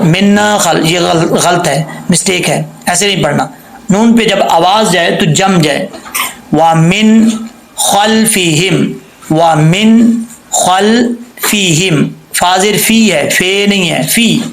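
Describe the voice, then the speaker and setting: A man teaching Quran recitation rules, spelling out letters and vowel marks and then reciting words slowly and drawn out, sometimes asking and answering his own questions. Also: sits high, gravelly, roomy sound, slight background noise, low-quality recording. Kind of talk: tajweed lesson with slow demonstrations.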